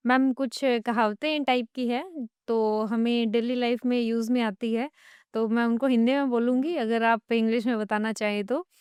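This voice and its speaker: A woman's voice: on the high side, fairly even intonation, moderate pace, darkish tone, clean tone, dry recording, studio quality. A woman hosting a podcast interview, asking questions politely and answering with short agreements. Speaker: podcast host.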